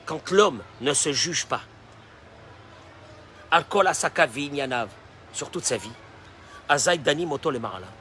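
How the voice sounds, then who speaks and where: A man preaching a sermon as a rabbi, dropping in Hebrew phrases and swinging from quiet talk to shouting. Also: a little high, expressive, measured pace, long pauses, a little hiss or hum. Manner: mixes Hebrew phrases into his speech.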